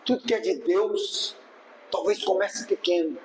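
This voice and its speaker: A male pastor with a Brazilian Portuguese accent preaches in a high-pitched voice. He is emphatic and keeps checking that his congregation follows him. Faint background noise sits under the recording. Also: unhurried, rough recording. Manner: emphatic, keeps asking the congregation "are you understanding me, yes or no?"; acts out churchgoers' voices in quotes. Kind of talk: sermon.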